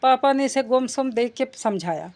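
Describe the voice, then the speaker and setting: A woman narrating a romance novel aloud in a steady storytelling manner. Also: high voice, normal speed. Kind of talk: audiobook novel reading.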